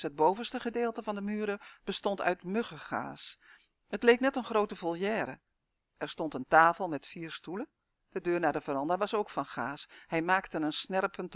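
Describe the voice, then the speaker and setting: Storyteller for first-person narration: calm, measured, mid-pitched voice, dry close recording. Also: no echo.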